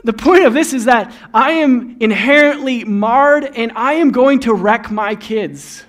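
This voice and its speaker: A man's voice: extremely high pitch, unhurried, a bit bright. A young adult man, a pastor, preaching a sermon in a conversational, storytelling way.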